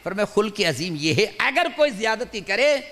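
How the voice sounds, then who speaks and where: Male preacher, sermon, high voice, repeats key phrases for emphasis, recorded in a long reverberant hall. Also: sing-song, sharp tone. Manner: asks the audience questions and answers them himself. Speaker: Islamic scholar and preacher.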